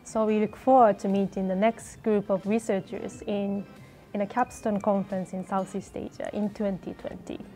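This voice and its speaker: A young woman from Japan, a research fellow speaking slowly and deliberately on camera. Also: mid-range voice, level tone, dark tone, soft background music. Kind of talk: introducing herself on camera.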